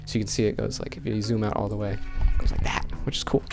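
In a casual tutorial vlog, a young man whose native language is Finnish jokes around as he describes editing his video, holding a dynamic mic close in his small bedroom. His voice sits low with some vocal fry, and he moves quickly over faint background music. He comes across as lively, talkative and playful.

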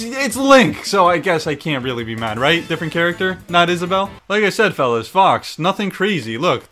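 A man giving excited, casual video game commentary, exclaiming and swearing freely as he plays. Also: a little high. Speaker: gaming streamer.

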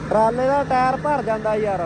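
A man's voice: very high voice, normal speed. A man giving casual, exclamatory live commentary outdoors with hearty rustic banter. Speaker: vlogger filming farm tractors. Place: outdoors in a farm field near tractors. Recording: loud engine and outdoor vehicle noise.

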